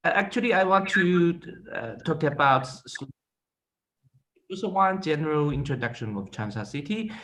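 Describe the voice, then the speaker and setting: A man giving a conference presentation over a remote call, his audio glitching and cutting in and out, speaking haltingly with many fillers. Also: on the high side, lively intonation, bright, forceful tone, low-quality recording. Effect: glitching audio that cuts in and out. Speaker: guest presenter. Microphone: remote video call.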